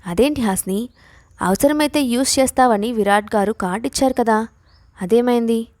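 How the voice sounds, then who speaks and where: A woman's voice: fairly high pitch, normal speed, a little mellow, dry recording, close to an everyday voice. A woman voicing a caring young college friend in an audio story, asking curious, concerned questions.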